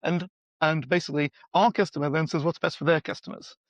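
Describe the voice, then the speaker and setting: A middle-aged man speaking as a guest expert in a conversational podcast interview, animated and acting out quoted dialogue with playful voices. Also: on the high side, fast, no room sound. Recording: slightly dull, dry sound.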